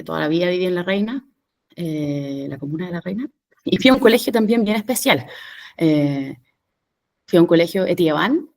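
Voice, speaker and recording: A woman in her thirties with a Chilean Spanish accent, a guest on a podcast. Her voice sits somewhat low for a woman, and she speaks reflectively, pausing on fillers and restarting phrases. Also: a little mellow. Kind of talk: conversational interview.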